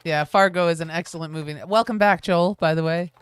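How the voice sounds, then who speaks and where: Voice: mid-range voice, steady tone, fairly quick, clean tone, no echo. A co-host in a casual livestream chat, easygoing and reading viewer comments aloud.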